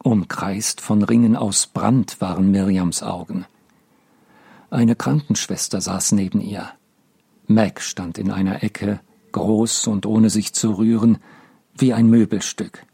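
Male audiobook narrator, measured and sober, with a dark, husky voice. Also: lowish voice, steady tone. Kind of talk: audiobook reading.

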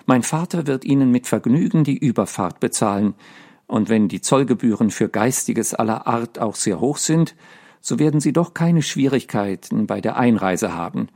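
A man voicing a bold young American girl who speaks in a brisk, cheeky, matter-of-fact way. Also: medium pitch, expressive, darkish tone.

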